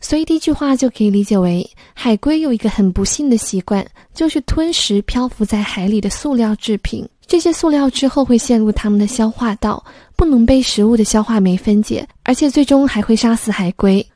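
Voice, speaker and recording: A woman's voice: fairly high pitch, a little fast, hardly any pauses, warm tone, no echo, studio quality. A woman explaining English vocabulary word by word in a patient, step-by-step lesson. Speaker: English teacher.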